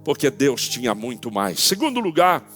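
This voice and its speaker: A man with a Brazilian Portuguese accent preaching a sermon as pastor in a church, impassioned, speaking straight to his listeners and rising to shouted peaks. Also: mid-range voice, very animated, moderate pace, soft background music. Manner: addresses listeners directly.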